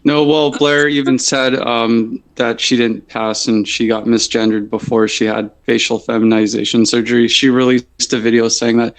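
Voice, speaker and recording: A man's voice: mid-range voice, level tone, moderate pace, hardly any pauses. A man talking bluntly and with strong opinions in a casual group discussion.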